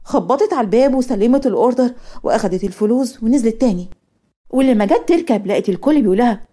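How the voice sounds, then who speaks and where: A woman with an Egyptian accent narrating a cartoon story, brisk and matter-of-fact. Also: a little high, animated, warm tone.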